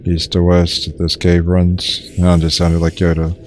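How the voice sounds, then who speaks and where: Streaming a survival game, this young man comments casually in a flat monotone, wandering with fillers and false starts. His pace is measured, and there's a little hiss or hum.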